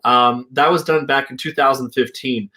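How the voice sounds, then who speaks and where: A young man speaks casually over a remote call. His voice is mid-pitched, and he sounds thoughtful and unhurried, with frequent filler words as he works through his ideas. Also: fairly even intonation, sharp tone. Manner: reflective, hedging with "like" and "you know". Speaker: co-founder and healing practitioner. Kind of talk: casual conversation.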